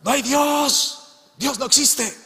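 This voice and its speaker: A man preaching plays a mocking atheist neighbor man who shouts back at a believer. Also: extremely high pitch, slow pace, gravelly, a little hiss or hum, voice pushed up, full character voice. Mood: defiant. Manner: shouted, jeering. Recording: long hall reverb.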